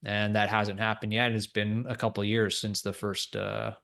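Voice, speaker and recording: A man's voice: fairly low pitch, monotone, normal speed, vocal fry, a bit bright. A man co-hosting a finance podcast, explaining markets in a thoughtful, hedging way. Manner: thoughtful, hedging, laughs between points. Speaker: co-host. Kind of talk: casual finance podcast chat.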